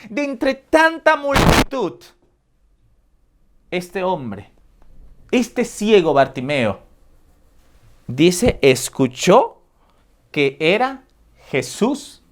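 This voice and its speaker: Woman preacher, unhurried sermon delivery, storytelling with rhetorical questions. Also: mid-range voice, sing-song. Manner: addresses listeners as brothers and sisters with rhetorical questions; retells the Bible story in a slow, deliberate storytelling way.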